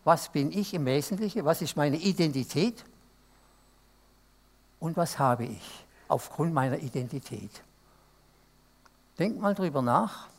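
A man's voice: a little high, lively intonation, a little slow, pauses often. A male pastor preaching an interactive sermon and asking the congregation to answer aloud. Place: church service.

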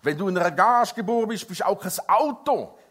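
A middle-aged man preaching a sermon as an evangelist, emphatic, swinging between loud stresses and quiet, intimate passages. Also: high voice, lively intonation, fast talker.

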